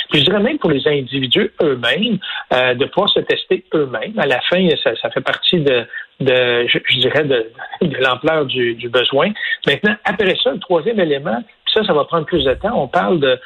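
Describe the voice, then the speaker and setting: Husky Québécois businessman on a dull line. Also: fairly high pitch, lively intonation, pushed and bright. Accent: Québécois French. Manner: deliberate, many fillers and restarts, enumerating points. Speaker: business association president, guest. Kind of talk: radio interview, explaining policy.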